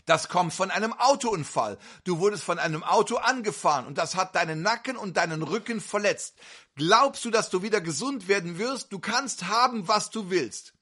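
A man's voice: high-pitched, expressive, moderate pace, pushed and bright, husky. A man preaching at a faith-healing service, fervently questioning individual listeners one after another. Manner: fervent, insistent.

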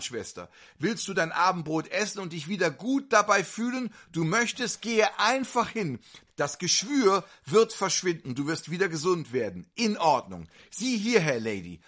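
A man's voice: high-pitched, a bit bright. A man preaching at a faith-healing service, fervently questioning individual listeners one after another. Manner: fervent, insistent.

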